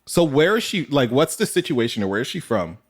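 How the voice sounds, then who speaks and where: A man's voice: mid-range voice, big pitch swings, fairly quick. A man hosting a reaction video, chatting casually, laughing often and swearing freely.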